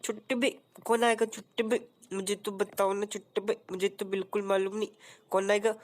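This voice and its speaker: A woman's voice: medium pitch, little pitch movement, moderate pace, natural voice. A woman voicing a naive, clueless cartoon boy with a whiny, questioning delivery in a comic gameplay voice-over. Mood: puzzled.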